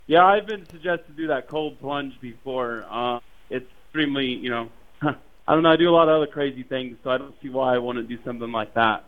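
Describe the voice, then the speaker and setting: A man's voice: medium pitch, brisk. A man joining a casual talk as a guest over a call, hesitant and full of fillers. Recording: tinny phone-like call audio.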